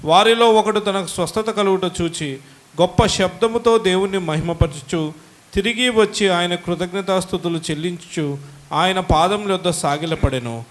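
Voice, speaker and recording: A man reading Bible verses aloud at a sermon in a measured, formal way. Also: high-pitched. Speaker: scripture reader.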